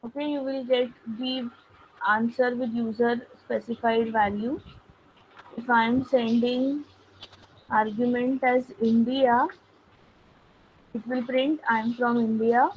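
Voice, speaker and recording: Lady teacher on a video call, kinda high voice, faint room hiss, keeps saying okay. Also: fairly even intonation, dull audio. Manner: explanatory, fills pauses with okay. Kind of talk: online programming lecture.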